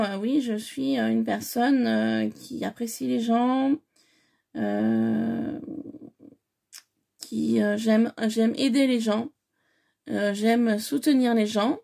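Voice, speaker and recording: A woman with a slightly high, gravelly voice talks through an unboxing in a casual, effusive way. She hesitates often, dotting her speech with fillers as she goes. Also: warm tone. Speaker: scrapbooking vlogger.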